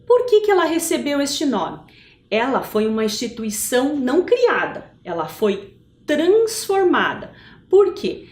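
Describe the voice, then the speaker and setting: A Brazilian woman from Curitiba teaching a video lesson to schoolchildren, explaining step by step and asking rhetorical questions. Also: on the high side. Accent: Brazilian Portuguese, Curitiba. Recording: echoey room.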